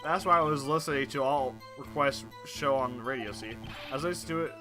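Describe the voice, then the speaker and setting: A man's voice: mid-range voice, quick pace, natural voice. Brash young slacker witness, defensive and whiny, read by a man over game music. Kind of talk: reading a game's dialogue aloud.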